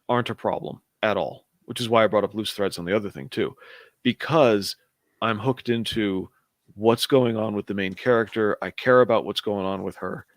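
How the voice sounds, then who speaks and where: Low-voiced man reviewing a comic. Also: no room sound. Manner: thoughtful, circles back to his point. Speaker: co-host of a comic book show. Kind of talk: casual chat reviewing a comic. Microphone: video call.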